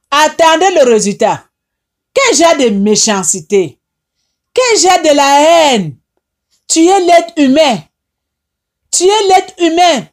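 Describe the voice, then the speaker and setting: A high-voiced woman with a Haitian French accent speaks slowly, tearful and upset. She preaches in an impassioned, rebuking monologue, repeating her phrases. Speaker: online advice host.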